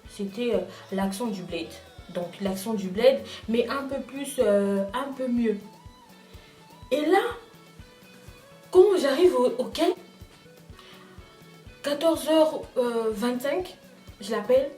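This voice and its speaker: Young woman chatting a storytime, lively, roomy sound with soft music under it. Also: fairly high pitch, slow, long pauses, recorded from a distance. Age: young adult. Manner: animated, addresses viewers directly. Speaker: vlogger. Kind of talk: casual storytime.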